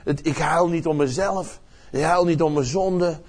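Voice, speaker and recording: An older male pastor preaches passionately, his slightly high, slightly slow, creaky voice swinging between loud outbursts and hushed words. He often repeats words while searching for the right phrasing.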